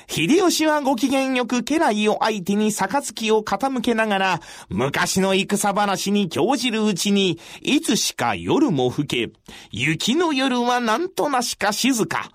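A male storyteller giving a traditional storytelling performance in a measured, formal recitation with dramatic pauses. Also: sits high, sing-song, no room sound, clean studio sound.

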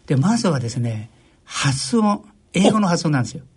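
An older man from Japan, a journalist guest on a radio interview, telling stories in a relaxed way with wry self-deprecation. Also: fairly high pitch, a little fast, breathy edge. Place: radio studio.

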